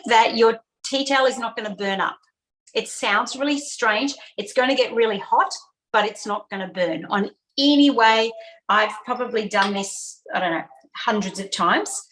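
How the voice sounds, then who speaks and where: A woman's voice: a little high, a bit bright, rough recording. A woman hosting an online cooking lesson for kids, chatty, repeating key steps with fillers, on a video call. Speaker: cooking class host.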